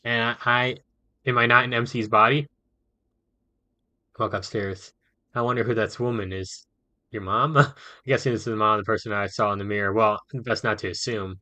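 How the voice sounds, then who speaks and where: Casual gamer, reads game text aloud with quick asides, bright voice, close dry mic. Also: male voice, on the low side, steady tone, no room sound. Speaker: gaming YouTuber. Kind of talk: reading a visual novel aloud with commentary.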